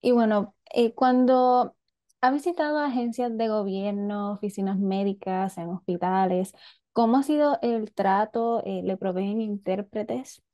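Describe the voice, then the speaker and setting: A woman with a soft, mellow voice at an ordinary middle pitch leads the interview. She affirms her guest's answers and asks measured questions. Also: fairly even intonation.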